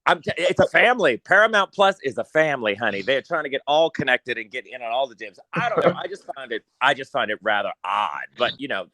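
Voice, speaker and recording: A man's voice: medium pitch, sing-song, fast, hardly any pauses, bright, forceful tone, no room sound. A man co-hosting a podcast in casual chat, brash, crude and sarcastic, laughing often. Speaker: podcast co-host.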